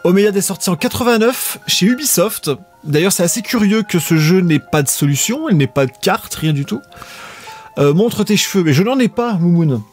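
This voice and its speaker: A man hosts a live stream in an easygoing, rambling way, talking straight to his viewers. His voice sits a little high for a man. Faint music plays quietly behind him. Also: expressive, normal speed. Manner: laid-back, rambling, chatting with viewers. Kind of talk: casual live-stream chat.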